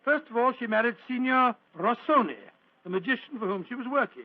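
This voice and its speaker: High-voiced, genial old Doctor Watson. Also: male voice, lively intonation, fairly quick, dry recording. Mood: reminiscing. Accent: British. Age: older. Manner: chuckling, hesitant, old-fashioned courteous. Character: genial, doddering elderly Doctor Watson, storytelling old gentleman. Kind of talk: 1940s radio acting. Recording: dull, lo-fi old radio recording.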